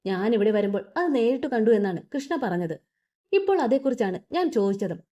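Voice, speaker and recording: A furious young husband, bitter and demanding, his harsh, clipped threats voiced in a fairly high, lively tone by a woman reading an audio story. The sound is mellow and dull, like a lo-fi recording. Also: a little fast. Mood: angry.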